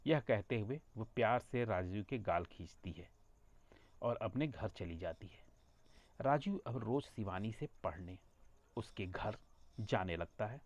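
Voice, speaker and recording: A man's voice: on the low side, a little mellow, dull audio. A man narrating a family story, reading it out and voicing every character himself. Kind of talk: scripted narration.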